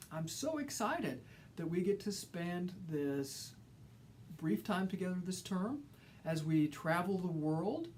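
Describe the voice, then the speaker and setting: A middle-aged college instructor from Alabama, speaking with a Southern accent, gives an earnest and enthusiastic lecture-style welcome to his course, often repeating phrases for emphasis. His voice is high-pitched with a darkish tone, and there is slight background noise.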